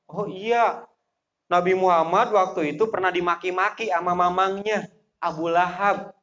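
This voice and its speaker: A man's voice: high voice, steady tone, normal speed, a bit bright. A man telling a religious story to teenagers, often quizzing them with repeated questions, on a dull lo-fi recording. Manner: asks the audience repeated questions.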